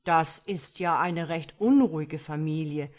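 A woman voicing a brisk, cheerful male starling who asks quick, eager questions. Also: sits low, a little mellow. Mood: matter-of-fact.

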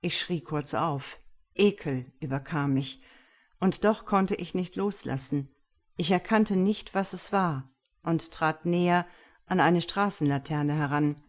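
A woman reading a story aloud in the first person, calm and even. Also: deep voice, measured pace. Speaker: audiobook narrator. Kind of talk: scripted narration of a story.

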